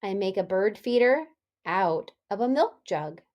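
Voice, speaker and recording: With a mid-range voice, this woman teaches elementary students through a read-aloud for little kids. She's lively and measured, regularly posing questions to the children.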